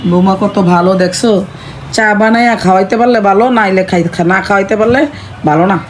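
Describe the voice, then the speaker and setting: Middle-aged woman, hoarse, nagging mother-in-law in a playful home skit. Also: medium pitch, brisk, slight background noise. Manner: scolding and nagging in character, then chatty. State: hoarse from shouting. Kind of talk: playful staged family skit.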